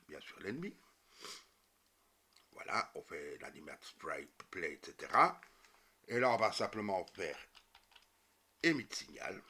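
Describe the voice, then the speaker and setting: A man's voice: deep voice, bright, forceful tone. A man explaining a coding tutorial step by step, with many fillers and self-corrections. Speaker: programming tutorial teacher. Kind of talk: screen-recorded coding tutorial.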